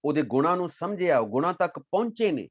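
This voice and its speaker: A fairly high-voiced man teaching from scripture in a devotional talk. He chants verses slowly, then breaks into lively explanation. The sound is close and dry. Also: husky, no room sound, highs cut off.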